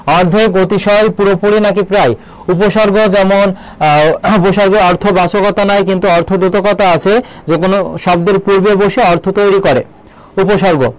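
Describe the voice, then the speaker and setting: A male tutor leads an exam-prep lesson in a fairly high voice. He breaks each answer down step by step and keeps tossing quick questions to his students. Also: fairly even intonation, rough recording. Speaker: admission test tutor.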